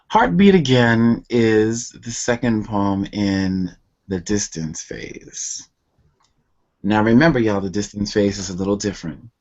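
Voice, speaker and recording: Man reading love poetry, unhurried, tender and intense, dull lo-fi sound. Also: fairly low pitch, a little mellow. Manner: emotional, intense, tender delivery. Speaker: poet guest. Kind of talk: slow poetry reading and interview answers.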